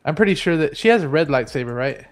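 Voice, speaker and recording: A man's voice: fairly high pitch, lively intonation, fast, over music. A man in casual chat, laid-back and slangy, swearing casually.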